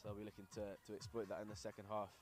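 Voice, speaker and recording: Low-pitched young Scottish man commentating rugby. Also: completely flat delivery, rapid-fire, a little mellow, faint music behind. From grew up in London. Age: young adult. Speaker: rugby commentator and sevens player. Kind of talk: live sports commentary with casual chat.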